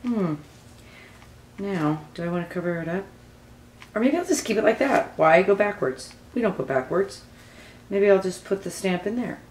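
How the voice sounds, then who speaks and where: A woman talking casually through a craft tutorial as she works, rambling and thinking aloud, with a low early-morning voice. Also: lively intonation, normal speed, pauses often, darkish tone. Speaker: mixed-media craft tutorial host. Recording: echoey room, faint background noise.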